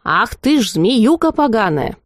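A woman's voice: fairly high pitch, very animated, measured pace, dry recording, clean studio sound. A woman voicing a feisty old folk witch who scolds in a folksy way in an audiobook. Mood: scolding.

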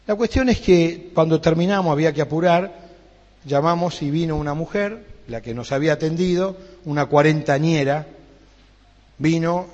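A middle-aged man with an Argentine Rioplatense Spanish accent preaches a sermon in a church hall, his voice slightly high and a little mellow. He tells a story and acts out its dialogue with rising fervor. The recording sounds dull, with long hall reverb.

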